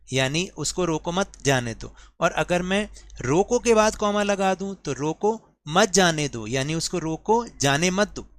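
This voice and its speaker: Guy teacher going over a worksheet, fairly high voice, slow careful bits. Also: a bit bright. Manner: explains patiently, repeats and asks students questions; reads English lines slowly and deliberately. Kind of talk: worksheet lesson explanation.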